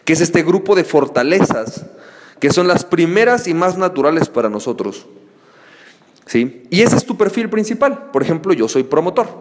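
Man, podcast host, playful storyteller, lively pitch, reverberant room. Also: slight background noise. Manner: playful storyteller, acts out friends shouting. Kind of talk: animated solo podcast talk.

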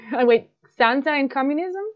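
A woman's voice: sits high, animated, a little slow, dull audio. A young woman from northern Italy, chatting hesitantly and searching for words. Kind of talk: casual chat.

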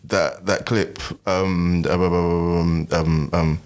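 A man's voice: low-pitched, little pitch movement, very slow, darkish tone. A man with an urban London roadman accent, bantering casually in playful slang. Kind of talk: casual banter among friends.

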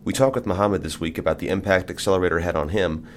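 A man with a fairly low voice hosts a business school interview, reading a brief intro and then asking questions in a measured, polite way. A faint noise sits under the recording. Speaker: interview host.

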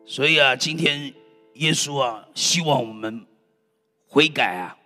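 A man's voice: mid-range voice, a little slow, sharp tone. A male preacher delivering a fervent sermon, exclaiming and calling out to his congregation. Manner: emphatic, exclaims and calls out to the congregation. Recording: reverberant hall with faint music.

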